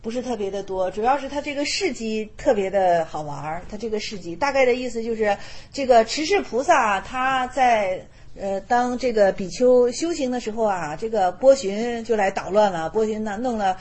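A woman's voice: a little high, normal speed, few pauses, a little mellow, husky. A woman, a Buddhist teacher giving a casual dharma talk, chatty and repeating her phrases.

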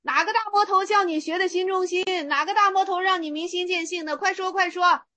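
A woman's voice: very high-pitched, fairly even intonation, fairly quick, voice pushed up. A woman doing a fierce old monk barking demands. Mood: fierce, demanding. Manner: shouting, badgering, demanding an answer. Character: fierce old male Chan monk brandishing a wooden fork.

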